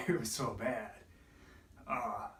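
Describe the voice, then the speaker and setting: A man's voice: mid-range voice, slow, a bit bright. A man telling an emotional personal story, tearful and laughing through it, his voice breaking. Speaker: vlogger. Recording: roomy echo, distant from mic.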